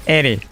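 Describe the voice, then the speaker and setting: A man's voice: fairly high pitch, sharp tone, slight background noise. A man live streaming, chatting casually with his viewers and reacting to their messages with joking, rambling asides.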